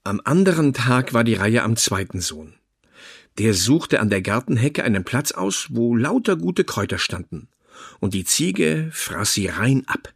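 Give me a husky man reading a fairy tale with a lively, expressive voice. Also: medium pitch, no echo, clean studio sound. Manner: slow, expressive storytelling. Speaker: narrator.

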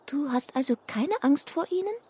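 A woman's voice: sits high, expressive, normal speed, voice pushed up. A woman voicing a teasing, secretive young elf girl in a children's story. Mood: teasing knowing. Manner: teasing, secretive, hushed at times.

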